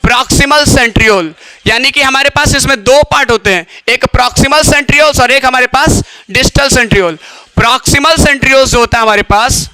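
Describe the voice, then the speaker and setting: A man's voice: extremely high pitch, a little fast, bright, forceful tone, clear, resonant tone, no echo. A man teaching biology in a classroom lecture, who keeps asking questions and answering them himself.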